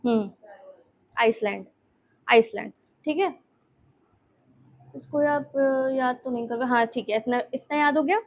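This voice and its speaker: A woman's voice: high-pitched, a little slow, long pauses, highs cut off. A woman teacher explaining a map lesson, repeating names and checking in with her students.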